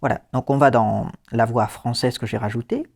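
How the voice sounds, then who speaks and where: A man's voice: medium pitch, fairly even intonation, normal speed, vocal fry, darkish tone. A man hosting a casual phone accessibility tutorial, explaining settings with fillers and the odd dry joke. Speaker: host. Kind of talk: casual screen-reader tutorial.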